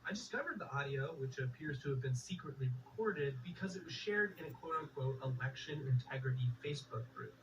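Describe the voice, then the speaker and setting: A man reporting and co-hosting a public radio program in a measured, clear storytelling delivery. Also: medium pitch, expressive, recorded from a distance, lo-fi sound, noisy background. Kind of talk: scripted public radio narration.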